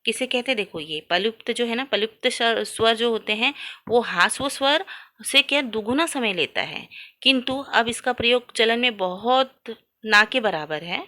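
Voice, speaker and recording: A woman with a slightly high, lively voice, pushed and bright, speaks at normal speed. She's running a classroom-style grammar lesson, asking her students questions she then answers, and drawing out sounds to illustrate them.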